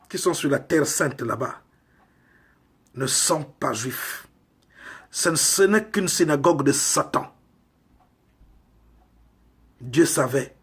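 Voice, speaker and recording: A male preacher from Congo speaks in an unhurried, deliberate cadence. His voice sits a little high and carries a husky, breathy edge. He presses his points with emphatic rhetorical questions. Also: a bit bright. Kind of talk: sermon.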